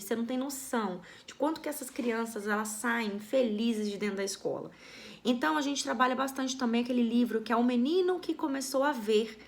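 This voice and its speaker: A woman with a Brazilian Portuguese accent, a school educator explaining early literacy in an animated, teacherly way, often tagging "né?". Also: on the high side. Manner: animated, teacherly, with frequent "né?" tags.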